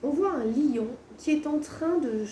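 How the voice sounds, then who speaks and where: High, slightly hoarse woman with swollen-tonsils voice. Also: animated, measured pace, mellow. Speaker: tarot card reader, host. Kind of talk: casual spoken tarot reading. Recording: roomy echo, distant mic, faint noise.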